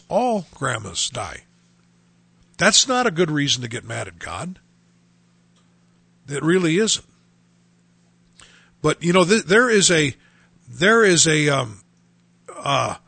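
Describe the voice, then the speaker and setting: A middle-aged pastor hosts a radio show and preaches with earnest emphasis. His voice is raised a little in pitch, gravelly and husky, with a bright, forceful edge. He often starts a phrase over before he finishes it. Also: dry recording. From United States.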